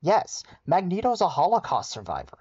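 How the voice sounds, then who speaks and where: A man's voice: high voice, huge pitch swings, normal speed, darkish tone, no room sound, dull audio. A man giving sarcastic, scolding reaction commentary as a video host. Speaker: commentary YouTuber.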